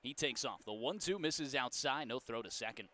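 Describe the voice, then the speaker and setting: A man calling baseball play-by-play in a folksy, joking way, and he gets loud when the big plays come. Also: mid-range voice, lively intonation, normal speed. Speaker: play-by-play announcer.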